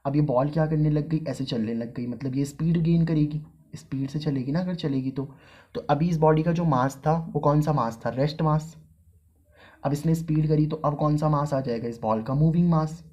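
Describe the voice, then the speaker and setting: A man teaching a casual physics lesson, mixing English terms into Hindi and slowly repeating key phrases as if for dictation. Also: fairly high pitch, mellow, lo-fi sound.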